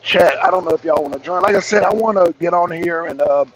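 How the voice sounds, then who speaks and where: Streaming a wrestling show live, this raspy, high-voiced host chats loosely with his audience at a quick pace, wandering off topic, repeating himself and calling out viewers by name.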